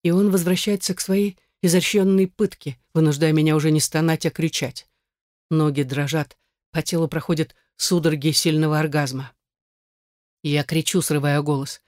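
A man reading a first-person erotic novel aloud in a steady, intimate narration. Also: fairly high pitch, normal speed, no room sound, clean studio sound. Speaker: audiobook reader.

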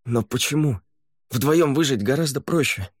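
Мужчина-чтец играет испуганного, измученного виной беглеца, который говорит напряжённо и сбивчиво. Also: male voice, mid-range voice, lively intonation, normal speed, husky, dry recording, clean studio sound, voice pushed up. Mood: pleading. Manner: hesitant, strained. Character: frightened, guilt-ridden runaway man, a father.

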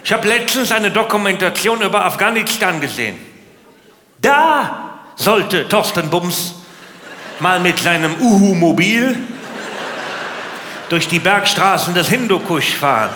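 A male stand-up comic rants with over-the-top indignation, firing rhetorical questions at the audience in a large indoor comedy venue. He speaks a little slowly in a high, sharp voice with big pitch swings and frequent pauses, and the hall echoes with the noisy crowd.

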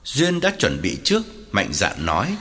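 Expressive male audiobook narrator. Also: on the low side, moderate pace. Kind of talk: scripted narration.

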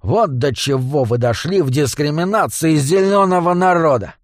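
A man's voice: on the high side, moderate pace, no room sound, studio quality, lightly acted. A man voicing a nasal, swaggering male goblin smuggler in an audiobook, brash and mocking.

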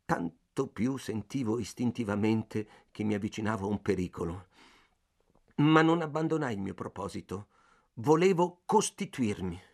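A man's voice: on the low side, creaky. Intense male audiobook narrator. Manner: intense first-person reading, swinging from hushed gloom to agitated bursts. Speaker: audiobook reader. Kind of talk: dramatic literary audiobook narration.

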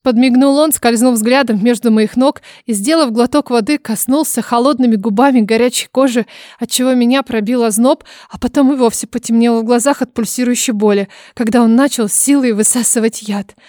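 A woman narrating a story in first person, reading in an expressive, dramatic way. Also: fairly high pitch, fairly quick, dry recording, studio quality. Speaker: audiobook narrator.

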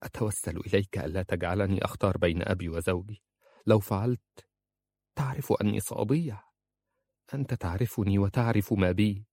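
A man's voice: lowish voice, animated, normal speed, no room sound. A man voicing a devoted, strong-willed young married woman, speaking in a pleading, emphatic way.

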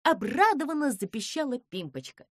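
A woman narrating a children's fairy tale in an expressive storytelling way, close to the mic. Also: sits high, normal speed, no room sound. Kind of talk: audiobook fairy-tale reading.

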